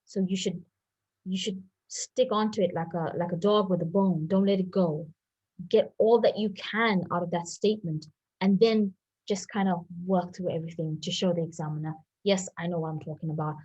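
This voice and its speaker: A woman teaching a medical history-taking session, speaking in a clear, instructive way and repeating her key points. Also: lowish voice, normal speed, a little mellow, muffled recording. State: voice a bit off.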